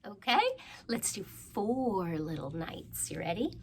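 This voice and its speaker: A woman hosts a children's storytime, leading rhymes and crafts playfully and encouraging the young listeners to join in. Her medium-pitched voice is animated but slow, and the recording is very noisy.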